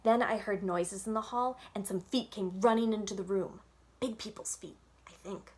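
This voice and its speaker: A woman reads a children's book aloud as a storyteller, giving the first-person narration expressive, childlike emphasis. Her pitch is medium and her pace moderate.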